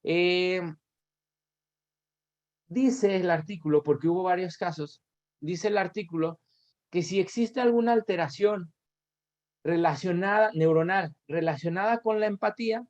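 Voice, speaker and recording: A man's voice: sits high, unhurried, pauses often. A man with a Mexican accent giving an academic lecture over videoconference, explaining at length with tag questions and self-corrections. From Aguascalientes, Mexico. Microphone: video call. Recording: dull lo-fi video call audio.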